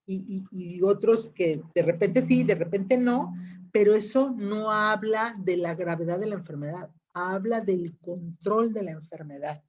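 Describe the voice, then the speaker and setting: A woman's voice: mid-range voice, darkish tone. A woman, a teacher giving an online class lecture, explaining patiently and often checking that students follow. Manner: explains patiently, checks understanding with frequent questions. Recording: dull lo-fi audio.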